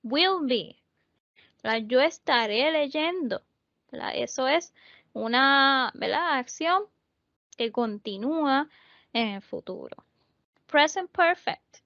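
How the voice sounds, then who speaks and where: A woman tutor with a Puerto Rican accent talks in an unhurried way and keeps checking that her students follow. Her fairly high voice carries a gravelly edge. The sound is close and dry, dulled by lo-fi call audio. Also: animated, fairly bright tone, dry recording. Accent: Puerto Rican Spanish. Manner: patient, explains step by step, keeps checking with "¿verdad?". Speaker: English tutor. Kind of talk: online tutoring lesson.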